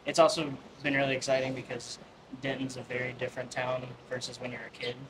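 A man, a food truck owner speaking casually as a guest, quick and filler-heavy. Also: medium pitch, level tone. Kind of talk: casual interview. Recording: crowd noise behind.

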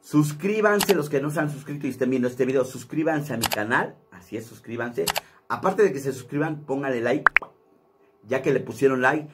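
A man's voice: mid-range voice, expressive, normal speed, background noise. A man, a comedian chatting casually to his channel in a rambling way. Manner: chatty, rambling, many fillers. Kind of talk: casual vlog talk.

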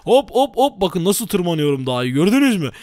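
A man hosting a gaming channel, giving excitable gameplay commentary straight to his viewers. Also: high voice, normal speed, no room sound, studio quality.

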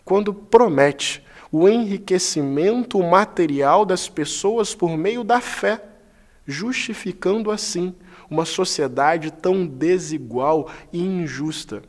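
A man, a pastor, delivering a scripted spoken manifesto in a slow, measured, solemn way with deliberate pauses. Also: high voice.

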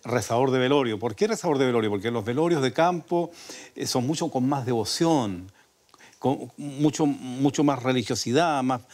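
Older chilean guy talking slow, rambly stories, lots of eh and restarts, radio interview. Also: mid-range voice, darkish tone. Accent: Chilean Spanish. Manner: rambling, with many restarts and fillers. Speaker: folk singer, interview guest. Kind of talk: relaxed storytelling interview. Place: radio studio.

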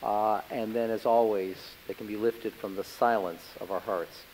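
An older man, a pastor, leading his congregation in prayer with a calm, measured delivery, heard from the front of a large church sanctuary. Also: fairly low pitch, slight background noise. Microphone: far camera, standing before the lectern. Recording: long church-hall reverb.

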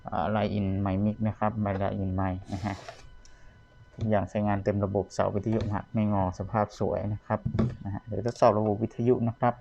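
A man with a fairly low voice talks casually through a product demonstration as a seller. There is clear noise and clicking behind him. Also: level tone, brisk, warm tone, lo-fi sound. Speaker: seller demonstrating vintage audio gear. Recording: clear background noise, clicking buttons, radio bleed. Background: radio or tape of the demonstrated player.

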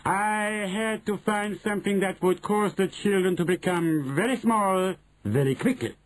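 A man's voice: high voice, pitched above the performer's own voice, poor audio. Man putting on a shrieking, imperious grand witch. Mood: haughty, instructing. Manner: commanding, drawn-out, emphatic delivery. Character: imperious, menacing Grand High Witch addressing her followers.

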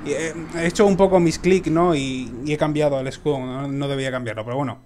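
Excitable young gamer swearing. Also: male voice, on the high side, fast talker, a little hiss or hum. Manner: excitable, swears, talks to viewers. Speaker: gaming video host. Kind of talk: let's play commentary.

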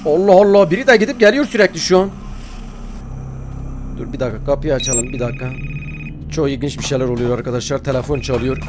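A man giving excitable let's-play commentary, talking straight to his viewers as he plays, with sudden startled reactions. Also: medium pitch, fast, pauses often, background noise. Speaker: gaming YouTuber.

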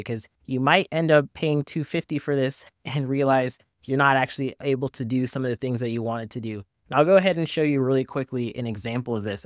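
In a small home office or studio, a tech reviewer in his thirties hosts a relaxed screen-share review, addressing viewers directly and candidly. His mid-range voice is picked up by a desktop microphone close in front, with no echo.

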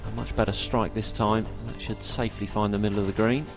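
A man's voice: lowish voice, level tone, fast, over music. A man giving golf commentary, analysing each shot of a tournament.

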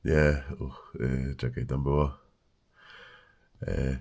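Very deep husky man with a cold. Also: little pitch movement, takes it slowly, darkish tone. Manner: loose, joking, greets chat by name. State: stuffy nose from a cold. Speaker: livestream host. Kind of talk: casual livestream chat.

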